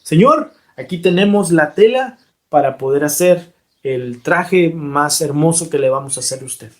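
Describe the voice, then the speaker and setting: Scheming storybook tailors flatter and fuss in a raised, eager voice, as a man puts them on. They sound overly polite and keen to please, and the voice is pitched well above a man's usual range. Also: measured pace. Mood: fawning. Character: fawning male swindler tailors.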